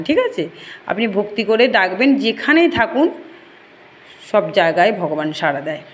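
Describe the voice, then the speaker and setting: Earnest woman. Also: medium pitch. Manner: earnest, pleading, addresses viewers as friends. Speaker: home shrine devotee vlogger. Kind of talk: devotional home vlog talk.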